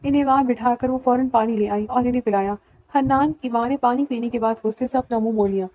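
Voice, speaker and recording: Woman reading a romance novel aloud, steady, a bit high, soft dark tone. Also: poor audio. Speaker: novel reader. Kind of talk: audiobook narration.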